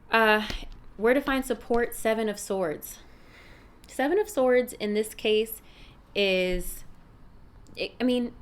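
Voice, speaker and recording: A woman giving a casual fortune-telling tarot reading, speaking familiarly and directly to the listener with emphatic advice, with street noise behind her. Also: mid-range voice. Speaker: tarot reader, fortune teller. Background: rush-hour street noise.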